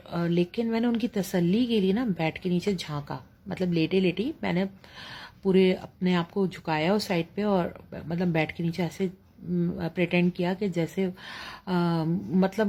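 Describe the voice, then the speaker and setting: A woman's voice: on the low side, fairly even intonation, warm tone. Woman telling a ghost story in Pakistani Urdu. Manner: storytelling with many fillers, acting out her mother's lines. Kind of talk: personal ghost story told casually.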